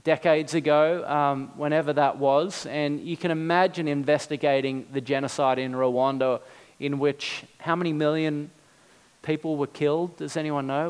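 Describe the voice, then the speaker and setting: Male preacher, high smooth voice, earnest sermon with fervent slowed emphasis, long hall echo. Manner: earnest, rising to fervent emphasis with slow stressed words.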